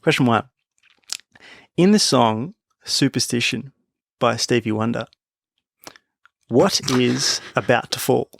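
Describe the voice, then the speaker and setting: A man's voice: mid-range voice, slow, gravelly, long pauses, dry recording, clean studio sound. A man co-hosting a sports podcast, talking in a thoughtful, musing way and laughing easily. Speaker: podcast co-host. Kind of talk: casual chat.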